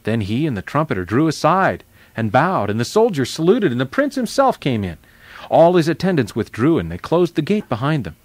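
A man hosting a children's radio show, reading a novel aloud in an expressive, lively storytelling manner. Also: mid-range voice, fairly quick, no echo.

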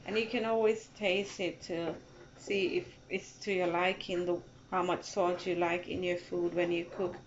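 A woman's voice: fairly low pitch, flat delivery, moderate pace. A woman hosting a casual home cooking tutorial in her kitchen, chatty and repeating her steps to viewers she calls guys. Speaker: cooking channel host. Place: home kitchen at a gas stove. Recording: dull lo-fi phone audio with background noise.

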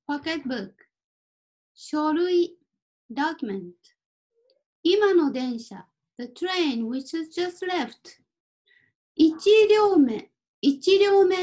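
A woman teaching Japanese, reading vocabulary words one at a time and clearly pronouncing each for learners to repeat. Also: high voice, darkish tone, rough recording. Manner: clear deliberate word-by-word pronunciation. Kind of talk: slow vocabulary drill lesson.

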